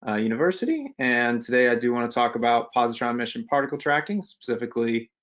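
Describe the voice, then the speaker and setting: A man's voice: mid-range voice, animated, fast, a bit bright, highs cut off. A young man presenting a technical webinar in a casual, conversational way, with many fillers and restarts. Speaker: webinar presenter, postdoctoral researcher.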